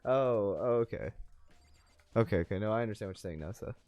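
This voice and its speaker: A man's voice: fairly low pitch, fairly quick, a little mellow, no echo. Man, casual let's-play banter, jokey, laughs a lot, rambling, faint background music. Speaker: co-host watching a game.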